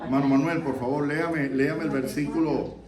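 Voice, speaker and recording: A man's voice: fairly high pitch, fairly even intonation, brisk, crowd noise. A male pastor preaching in a church vigil, asking his listeners questions and repeating their answers. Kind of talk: interactive sermon with congregation reading. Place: church during an evening vigil. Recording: echoey church, distant mic, background noise.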